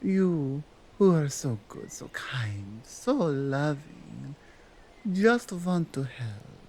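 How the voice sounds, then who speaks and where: A woman with a Nordic accent playing a dominant, stern yet coaxing Krampus in a slow, deliberate ASMR roleplay. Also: deep voice, sing-song, a little mellow, slight background noise, heavily acted. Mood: coaxing, reassuring. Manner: deliberate, commanding, halting non-native phrasing.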